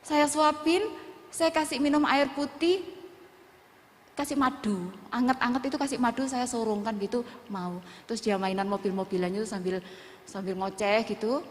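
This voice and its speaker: Preacher woman, middle-aged, higher voice, heartfelt testimony in a hall with long echo. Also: moderate pace, pauses often. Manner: storytelling with Javanese words mixed in, emotional. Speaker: preacher at a women's church service. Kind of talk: sermon testimony. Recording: long reverb of a church hall.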